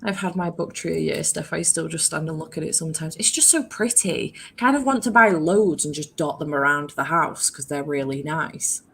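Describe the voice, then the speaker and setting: A British woman with a low voice chats casually over faint background noise. She sounds poorly and run-down with a cold, and talks in a sweary, self-deprecating way. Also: animated, normal speed, vocal fry, hardly any pauses, a bit bright. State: feeling ill and run-down, with a cold. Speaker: guest on a readathon livestream. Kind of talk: casual chat.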